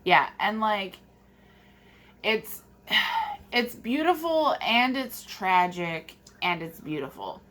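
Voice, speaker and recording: A woman co-hosting a casual book discussion, halting as she repeats and rewords her phrases. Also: medium pitch, expressive, a bit bright. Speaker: book review co-host. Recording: clear background noise.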